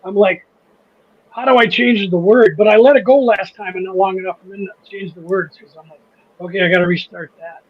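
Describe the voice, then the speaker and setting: A man's voice: sits high, steady tone, fairly quick, dull audio. A man with a Midwestern accent hosting a casual livestream chat, rambling, restarting sentences and laughing easily. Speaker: host of a model railroad channel.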